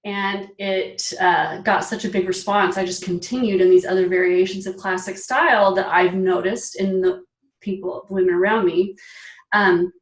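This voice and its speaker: A woman in her forties, a style expert being interviewed, talking in an animated, emphatic way and laughing often. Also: lowish voice, moderate pace, roomy sound, distant mic. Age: 40s. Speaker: guest, personal style expert. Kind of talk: casual interview chat.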